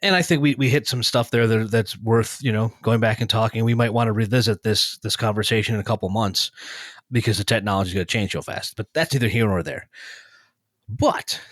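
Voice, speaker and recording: Wry low-voiced man reviewing songs. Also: brisk, fairly bright tone, no echo, studio quality. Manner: wry, sarcastic, jokey asides. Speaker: podcast co-host reviewing chart songs. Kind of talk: casual music review chat.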